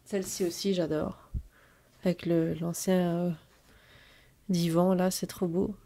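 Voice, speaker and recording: In a casual haul video, a woman shows off the scrapbooking supplies she bought, speaking slowly and hesitantly with plenty of fillers. Her voice sits on the low side and is warm, with a level tone.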